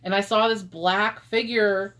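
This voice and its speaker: A woman co-hosting a paranormal live stream, chatting in a relaxed, loose way. She fills her talk with "um" and "like" and breaks into laughter often, like someone among friends. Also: mid-range voice, measured pace. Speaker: paranormal investigator, co-host. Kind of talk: casual live-stream chat.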